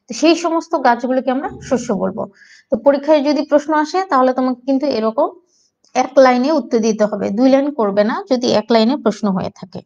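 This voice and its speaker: A woman's voice: high voice, fast talker, darkish tone, highs cut off. A woman with a Bangladeshi Bengali accent teaching an online agriculture class, explaining patiently step by step and spelling out terms syllable by syllable.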